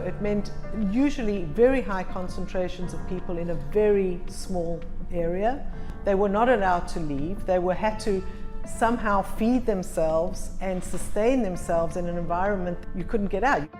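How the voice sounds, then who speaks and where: A woman's voice: mid-range voice, moderate pace, a little mellow, soft background music. A woman interviewed as an expert, speaking earnestly and intensely, piling up words.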